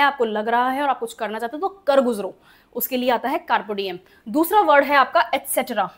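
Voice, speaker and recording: High-voiced woman teaching vocabulary. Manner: explains step by step, spells words letter by letter, asks checking questions. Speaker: English teacher. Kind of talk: exam-prep vocabulary lesson.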